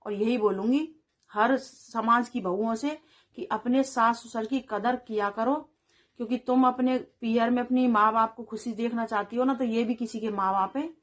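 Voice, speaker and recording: Earnest woman vlogger lecturing, higher voice. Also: steady tone, normal speed. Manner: earnest, preachy, repeats phrases for emphasis. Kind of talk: moral advice talk to camera.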